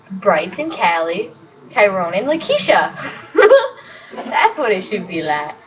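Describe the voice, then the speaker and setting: A woman's voice: medium pitch, big pitch swings, extremely slow, pauses often. A woman rambling in a casual vlog, giggling and gushing as she talks. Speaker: vlogger. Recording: dull lo-fi with voices behind.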